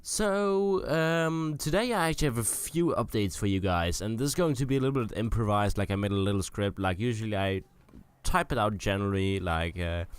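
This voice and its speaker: Young man, hesitant commentary, smooth dry sound. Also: lowish voice, expressive, fairly quick, dry recording. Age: young adult. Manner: hesitant, searching for words. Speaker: video host. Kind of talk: improvised casual video commentary.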